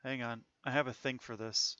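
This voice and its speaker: A man's voice: medium pitch, flat delivery, normal speed, pushed and bright, clear, resonant tone, dry recording, dull audio. A man streaming a game, chatting casually in a playful, exclamatory way with friends and viewers. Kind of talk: casual gaming chat.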